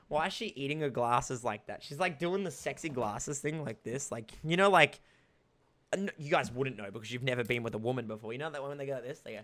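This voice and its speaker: A man's voice: mid-range voice, a bit bright. A young man streaming a visual novel, reading it aloud and bantering with chat in a crude, swearing, mock-boastful way.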